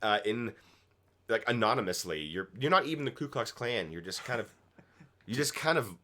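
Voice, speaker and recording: With a medium-pitched voice that is bright, forceful, and expressive, this man speaks at a moderate pace. He co-hosts a show reacting to TV episodes, delivering casual, opinionated takes with emphasis and exasperation.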